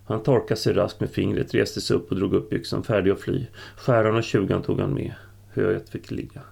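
Gravelly, husky male audiobook narrator. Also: lowish voice, little pitch movement, a little mellow. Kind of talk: scripted narration.

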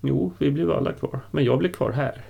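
A man's voice: mid-range voice, creaky, husky, phone-quality sound, voice pushed up. Man putting on a stammering, frightened farmhand. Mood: anxious. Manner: stammering, trembling. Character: frightened lowly male farmhand, timid, stammering.

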